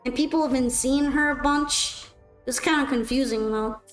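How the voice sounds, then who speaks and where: A woman's voice: sits high, moderate pace, faint music behind, poor audio. A woman streamer chatting casually with her viewers while playing, self-mocking and answering questions. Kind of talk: casual chat while gaming.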